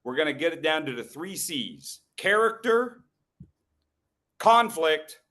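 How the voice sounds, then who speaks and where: A middle-aged man giving a humorous talk on storytelling to a live group, teasing people in the room and slowing down with pauses for emphasis. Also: a little high, very animated, bright, forceful tone. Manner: playful, teasing the audience, quick asides. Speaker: educational speaker at a club meeting.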